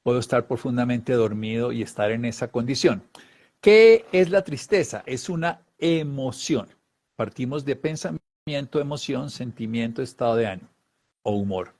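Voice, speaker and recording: A man's voice: mid-range voice, moderate pace, darkish tone. A man giving an explanatory talk on emotions, acting out little voiced examples. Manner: acts out little voiced examples, sometimes laughing. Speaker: wellness speaker.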